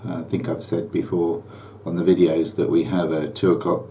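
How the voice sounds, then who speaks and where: An older man with a low, warm, mellow voice chats easily to the camera. He rambles a little with ums and uhs as he catches viewers up on his flying. There is a faint hiss behind him. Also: normal speed. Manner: relaxed and chatty, with many ums and uhs. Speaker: private pilot vlogger. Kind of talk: casual vlog chat.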